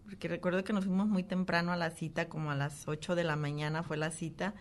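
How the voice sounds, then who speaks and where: Lower-voiced woman telling a personal story. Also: little pitch movement. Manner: emotional, halting storytelling. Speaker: interview guest. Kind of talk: personal testimony.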